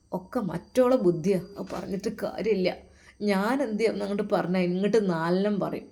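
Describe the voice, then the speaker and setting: A woman's voice: mid-range voice, natural voice. A woman doing a weary old father. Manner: soft, sorrowful, resigned. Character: frail older father, weary and tearful.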